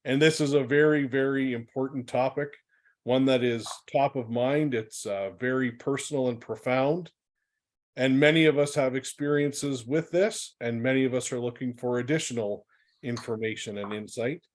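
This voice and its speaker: A man's voice: mid-range voice, fairly even intonation, normal speed. Guy hosting a webinar, friendly upbeat intro, mid voice, computer mic. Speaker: webinar host.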